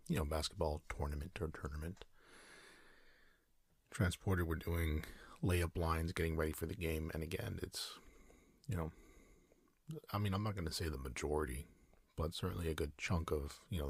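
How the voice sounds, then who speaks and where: A man in his thirties rambles softly and hesitantly in a drowsy, sleepy ASMR bedtime style, breathy and now and then slipping toward a whisper. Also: a bass voice, steady tone, moderate pace, no room sound. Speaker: sleep podcast host.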